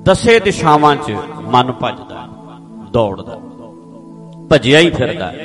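A man giving a slow, explanatory religious sermon, now and then chanting rhythmically. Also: fairly high pitch. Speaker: Sikh preacher. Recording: music clearly behind the voice. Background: instrumental music.

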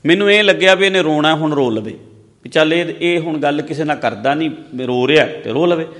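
Male preacher, fairly high voice, earnest, long hall reverb. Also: a little fast. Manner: earnest, swings between loud emphasis and soft low asides. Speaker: religious preacher. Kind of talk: sermon with personal stories. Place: large hall or stage.

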